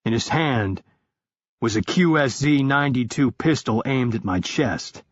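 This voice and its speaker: A man narrating a thriller audiobook in the first person, calm and matter-of-fact. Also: medium pitch, unhurried, no room sound, dull audio.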